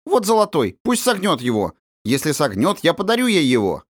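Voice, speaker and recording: A man reading an audiobook, voicing a spoiled, capricious little rich girl in high, squealing chatter. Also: huge pitch swings, a little fast, dry recording, studio quality. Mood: delighted. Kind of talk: audiobook character voice.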